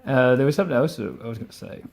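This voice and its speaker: A man's voice: mid-range voice, rapid-fire, creaky, darkish tone. A man hosting a casual travel podcast with friends, joking and often laughing as he talks. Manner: jokey, laughs often while talking. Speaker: podcast host.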